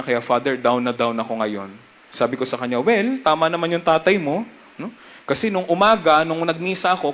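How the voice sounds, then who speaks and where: A young man with a Filipino accent, a priest giving a lively homily and leading the congregation in call-and-response. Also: on the high side. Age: young adult.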